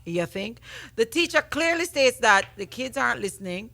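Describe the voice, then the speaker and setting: Bright-voiced woman radio co-host from Jamaica. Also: fairly high pitch, big pitch swings, moderate pace, gravelly. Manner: chatty, frank. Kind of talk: casual radio chat.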